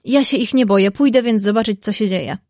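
A woman's voice: mid-range voice, brisk, darkish tone, no room sound, clean studio sound, natural voice. A woman reading as a bold, coaxing young woman. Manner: coaxing, earnest.

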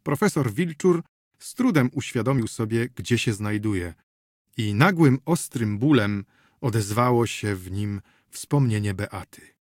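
A man narrating an audiobook in a steady reading voice. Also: on the low side, a little slow, no echo, clean studio sound.

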